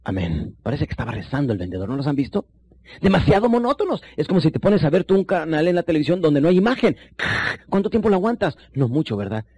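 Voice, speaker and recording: Fast-talking sales trainer, man. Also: very animated, dark tone, breathy edge, no room sound. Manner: shifts between fast bursts and low slow emphasis; addresses listener directly as compañero. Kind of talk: recorded sales seminar lesson.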